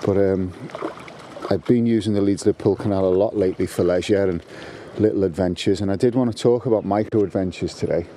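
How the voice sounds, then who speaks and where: Here a guest contributor speaks fairly quickly in a low-pitched, dark voice while walking his dog by a canal. His casual monologue rambles, full of restarts and fillers. Birdsong and a little hiss or hum fill the background.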